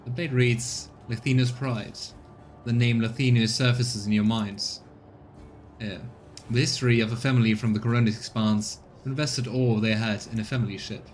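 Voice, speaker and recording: Male let's player, casual commentary and read-aloud narration, medium-pitched voice, slightly noisy recording. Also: fairly even intonation, moderate pace.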